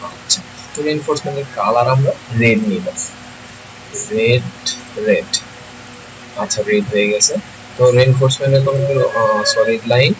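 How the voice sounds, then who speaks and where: A man, teaching software in a screen-recorded tutorial, thinking aloud and often checking that listeners follow. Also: medium pitch, brisk. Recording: noisy home recording.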